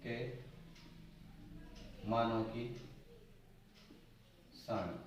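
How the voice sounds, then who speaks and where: A man's voice: medium pitch, steady tone, extremely slow, muffled recording, slight background noise. A man teaching a maths lesson at a board, repeating key terms back as questions. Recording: echoey room, voice from a distance.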